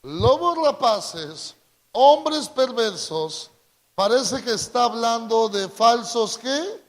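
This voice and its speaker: A man's voice: very high-pitched, lively intonation. A man with a Latin American Spanish accent preaching a call-and-response sermon, drawing out key words and prompting the congregation to repeat after him. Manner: drawn-out emphatic delivery, prompts congregation to repeat.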